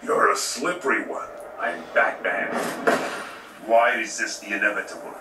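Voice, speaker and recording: An actor playing a grim, menacing masked vigilante in a video game. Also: male voice, fairly low pitch, moderate pace, close to an everyday voice. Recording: distant echoey playback, loud noise.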